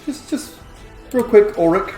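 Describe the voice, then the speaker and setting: A man's voice: high-pitched, lively intonation, measured pace, dark tone. Male game master in a roomy space. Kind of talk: narrating a tabletop role-playing game. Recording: roomy echo, faint music underneath. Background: faint background music.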